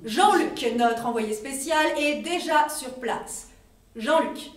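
A young woman playing an earnest television news anchor in a stage parody, formal and measured. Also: sits high, expressive. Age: young adult. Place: indoor theatre stage. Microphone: far camera. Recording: echoey theatre stage, distant mic.

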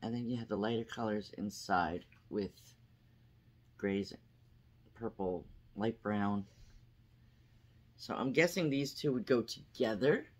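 Slow, low-voiced woman showing yarn. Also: darkish tone, breathy edge. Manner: unhurried, chatty, reads out yarn labels. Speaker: yarn haul vlogger. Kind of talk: casual unboxing chat.

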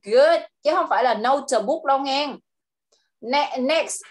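A woman with a Vietnamese accent leads a one-on-one English lesson for a child. Her voice sits high, and she drills each word slowly and patiently. She speeds up when she explains things. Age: adult. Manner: slow, patient drilling of words, switching to quick speech when explaining. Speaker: English teacher.

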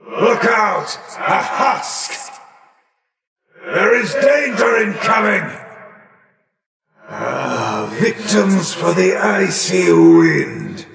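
A man's voice: high voice, gravelly, pushed and bright, full character voice. The Ice King, pompous, swooping, echoing. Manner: pompous, theatrical, imperious. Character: haughty, pompous icy warrior king, cranky and grandiose. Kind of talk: video game hero voice lines. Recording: echoey hall reverb, distant-sounding.

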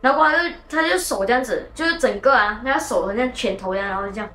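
A woman host tells a ghost story in a casual, animated way and drops English words into her speech. Her voice is fairly high and quick. It sounds like an echoey room with faint music in the background.

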